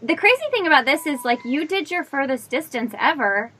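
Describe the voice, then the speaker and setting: A woman's voice: high voice, lively intonation, fairly quick, a bit bright, slight background noise. A woman hosting a podcast, asking curious, teasing questions and laughing easily. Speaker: podcast host. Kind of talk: casual interview chat.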